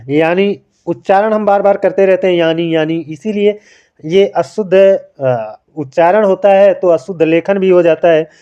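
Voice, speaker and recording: This man's high voice is mellow and clean, though the highs are cut off, and he speaks unhurriedly. He teaches Hindi spelling by hand, explaining every answer patiently, calling his listeners friends, and answering the questions he raises himself.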